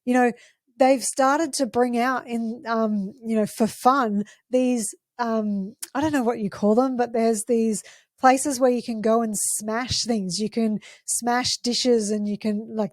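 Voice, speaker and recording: A woman's voice: fairly high pitch, fairly even intonation, slow, dry recording, clean studio sound. Woman explaining on a podcast. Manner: gentle, explaining with examples. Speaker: parenting podcast host.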